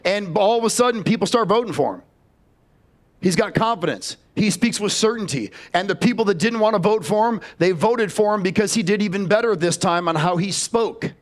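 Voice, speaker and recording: A man's voice: high voice, lively intonation, brisk. Blunt, profane male sales trainer. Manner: blunt and profane, addresses the audience directly. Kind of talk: live seminar talk.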